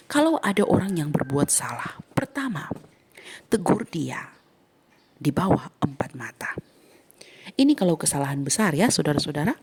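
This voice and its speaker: Husky woman pastor preaching emphatically. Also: fairly high pitch. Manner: emphatic preaching with sudden soft whispered asides. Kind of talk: sermon.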